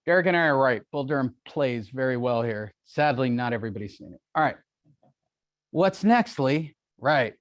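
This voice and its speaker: A man's voice: mid-range voice, animated, normal speed, no echo, lo-fi sound. A man coaching a real estate seminar in a brash, joking, profane way. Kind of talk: live seminar teaching.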